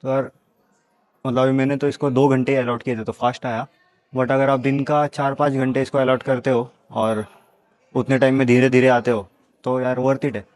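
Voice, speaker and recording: A man talks his way through a casual travel vlog as he walks outdoors, chatty and easygoing, slipping English words in as he goes. He sits at a middle pitch, and the sound comes from a small mic on the camera he carries. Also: little pitch movement, moderate pace, a little mellow, no echo. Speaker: travel vlogger. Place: outdoors at caves and a hillside temple.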